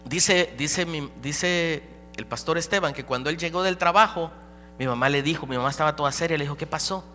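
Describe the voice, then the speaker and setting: Pastor preaching in a bright, ringing hall. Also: male voice, a little high, fairly quick, faint music behind. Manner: dramatic storytelling, swings between loud and hushed. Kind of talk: sermon testimony. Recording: live hall recording with reverb and hum.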